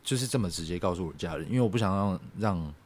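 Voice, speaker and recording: A young man, telling a personal story on a podcast in a halting, reflective way. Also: low-pitched, expressive, darkish tone. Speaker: podcast co-host. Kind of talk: casual podcast chat.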